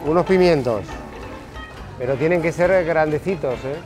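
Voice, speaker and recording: Music plays behind a middle-aged Aragonese-accented Spaniard whose voice is on the high side and whose pace is moderate. Touring and chatting as an interviewee, he explains things casually, filling his speech with fillers.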